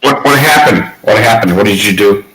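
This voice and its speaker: A man's voice: lowish voice, expressive, brisk, fairly bright tone, reverberant, low-quality recording. A man hosting a live stream, talking in an exasperated, pleading way. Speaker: channel host. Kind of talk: casual live-stream chat. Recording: crowd noise behind voice.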